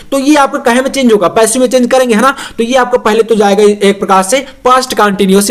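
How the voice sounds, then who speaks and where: A young man teaching English grammar to exam students, explaining slowly and spelling words out letter by letter. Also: high-pitched.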